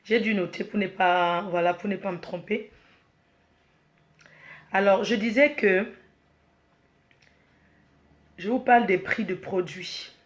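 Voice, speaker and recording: Slow-speaking emotional woman presenter. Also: medium pitch, steady tone, lo-fi sound. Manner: slow, repetitive, with frequent restarts and apologies. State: emotional, choked up. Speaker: company head presenting her product line. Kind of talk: product launch announcement.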